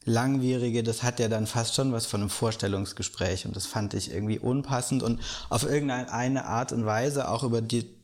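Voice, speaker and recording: A man of thirty-six, a podcast guest, calmly explaining and reflecting in casual talk. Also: medium pitch, normal speed, few pauses. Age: 30s. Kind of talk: casual conversation.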